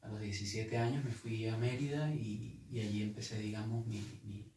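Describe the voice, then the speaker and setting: Interview guest, male, Venezuelan accent, earnest and halting, distant mic in a roomy space. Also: on the low side, dark tone, slight background noise. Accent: Venezuelan Spanish. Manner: earnest, hesitant with repeated words. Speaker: guest guitarist. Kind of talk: casual interview. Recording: echoey room, mic at a distance.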